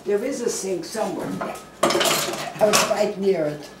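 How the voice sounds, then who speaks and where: A woman's voice: mid-range voice, a little slow, very noisy. Older woman chatting in an echoey kitchen. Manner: chatty, homey, talks while working. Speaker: grandmother baking cookies. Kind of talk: casual kitchen chat. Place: home kitchen. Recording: echoey kitchen, far from the mic, loud clatter.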